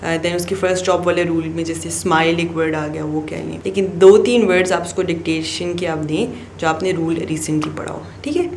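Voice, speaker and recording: A woman's voice: fairly low pitch, a little fast, hardly any pauses, slight background noise. Woman explaining phonics in an echoey room. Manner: explains in a mix of Hindi-Urdu and English, often checking with "ठीक है?"; acts out the child's answers in a lively voice. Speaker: teacher coaching parents. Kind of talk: phonics lesson for parents.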